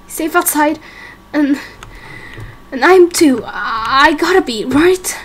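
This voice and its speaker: Her voice is high and expressive as she performs an amateur game roleplay, playing a scared, bewildered young amnesiac, part creature, who vows peace. She sounds anxious and confused, questioning herself in broken, halting fragments, with some noise behind her.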